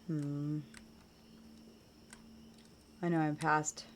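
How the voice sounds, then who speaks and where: A woman chatting casually while she plays a game, rambling on and trailing off into quiet mutters as she focuses. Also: deep voice, little pitch movement, extremely slow, a little hiss or hum. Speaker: game streamer.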